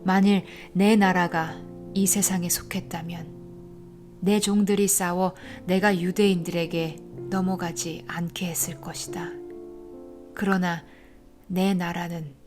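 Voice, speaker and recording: A woman doing a calm, solemn man under trial, speaking softly and evenly in a low, flat, unhurried voice. Gentle guitar music plays clearly behind this dramatized scripture reading. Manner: soft, hushed, measured delivery. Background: soft guitar music.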